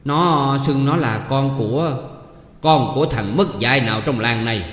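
A man's voice: medium pitch, fairly bright tone, natural voice. A man voicing a timid young male opera actor who speaks hesitantly, in an echoey hall. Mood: sheepish. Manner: hesitant, halting.

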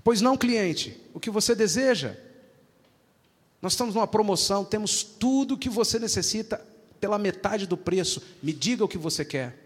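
A man playing an eager male shop clerk with brisk salesman patter. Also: high voice, lively intonation, husky, in a large hall, pitched above the performer's own voice.

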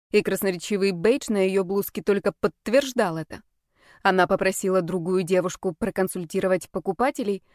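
A woman reading a first-person novel aloud at a steady, measured pace. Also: medium pitch, no echo, clean studio sound. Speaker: audiobook narrator.

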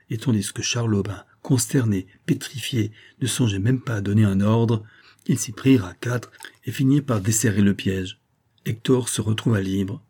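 Man narrating a classic novel as an audiobook, dark, husky voice, steady and measured. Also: on the low side.

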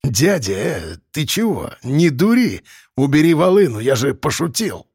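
A man voicing a menacing criminal in a low, slow, threatening delivery. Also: sing-song, a little mellow, husky, no echo, studio quality, exaggerated voice. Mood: placating. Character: gruff menacing male thug with a knife.

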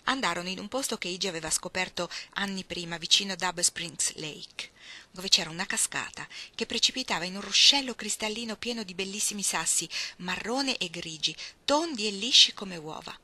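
A woman reading a novel aloud with steady, expressive storytelling. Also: medium pitch, moderate pace. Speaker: reader. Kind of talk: audiobook reading.

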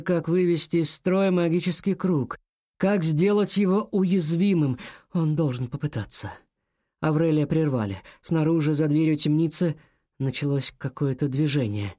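A man reads a children's adventure story aloud in a measured, storytelling delivery. His voice sits a little high for a man. The recording is close and dry, with no room sound. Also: warm tone, no room sound. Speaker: narrator. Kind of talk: audiobook narration.

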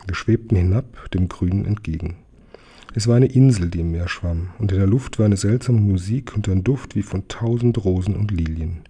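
A man narrating a children's audiobook in a calm, measured way. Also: sits low, husky. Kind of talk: audiobook reading.

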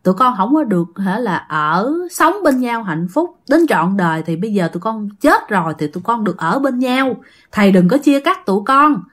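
A woman's voice: medium pitch, big pitch swings, moderate pace, fairly bright tone. A woman voicing the ghost of a young man who speaks through a possessed woman, tearful and pleading.

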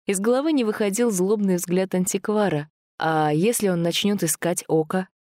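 A woman narrating an audiobook thriller in a steady, tense storytelling manner. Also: medium pitch, moderate pace, dry recording, studio quality.

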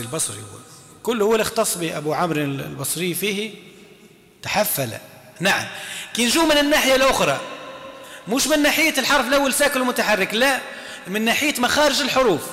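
A man's voice: sits high, pushed and bright. A man with an Algerian Arabic accent teaching a class, asking questions and answering them himself, repeating each term. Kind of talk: classroom lesson. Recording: echoey hall reverb.

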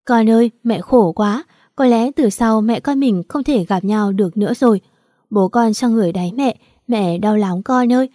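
A woman's voice: on the high side, normal speed, dark tone, no room sound, clean studio sound, natural voice. A woman reading a storybook plays a deceitful, manipulative mother who pleads in a sobbing, melodramatic way.

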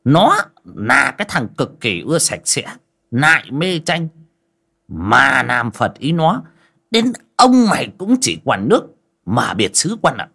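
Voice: medium pitch, very animated, takes it slowly, gravelly, sharp tone, slightly rough, pitched above the performer's own voice, heavily acted. A narrator voicing a bad-tempered master of the house who curses and bellows at his servant. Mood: furious. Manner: bellowing, cursing, scolding.

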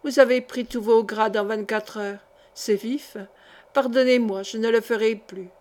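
Teasing older colonel, jovial and mocking, read by a woman in an audiobook, slightly high pitch. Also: steady tone, a little slow, darkish tone, natural voice. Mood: bantering. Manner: bantering, mocking.

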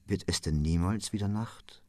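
A man voicing a tormented young male poet in a radio reading, his speech broken and halting, often sinking to a hush. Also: low-pitched, dry recording, lightly acted. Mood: weary.

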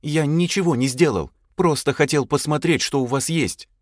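A man's voice: fairly high pitch, moderate pace, dry recording, studio quality, voice pushed up, lightly acted. A man voicing a scared young male hotel worker who pleads and whimpers. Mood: whining.

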